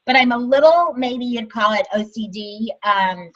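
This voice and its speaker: A woman's voice: fairly high pitch, unhurried, fairly bright tone, lo-fi sound. A woman, a sales field manager, giving an upbeat, chatty team training talk.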